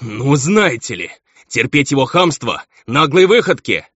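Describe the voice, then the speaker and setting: A man's voice: medium pitch, lively intonation, brisk, dry recording, pitched above the performer's own voice, natural voice. A man voicing a pompous, contemptuous baron and cruel husband, on a dull, lo-fi recording. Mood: indignant.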